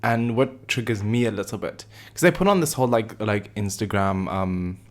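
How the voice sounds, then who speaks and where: Man, podcast co-host, casual chat, animated, opinionated, fairly low pitch. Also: moderate pace.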